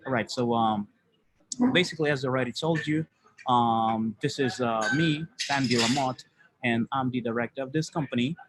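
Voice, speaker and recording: A man's voice: medium pitch, normal speed, background noise. Chatty man from Haiti presenting a webinar. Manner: loose and chatty, many fillers like "you know".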